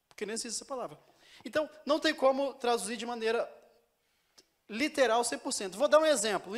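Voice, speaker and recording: Man, Brazilian Portuguese accent, very high voice, chatty Bible teaching, asks the congregation questions. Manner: conversational, explains with examples and questions to the congregation. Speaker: preacher. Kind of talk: teaching sermon. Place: church.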